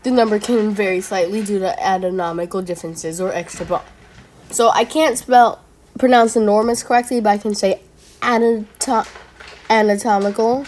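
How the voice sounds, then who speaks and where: A woman's voice: medium pitch, steady tone, normal speed, darkish tone, slight background noise. A woman giving casual reaction commentary, chatty and playful, who argues with herself and trips over long words. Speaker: video creator reacting to school myths.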